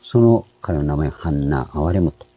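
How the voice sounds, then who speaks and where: A man, a pastor, giving a calm, explanatory sermon with frequent pauses and fillers. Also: rumbling low, husky, highs cut off. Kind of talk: sermon on scripture names.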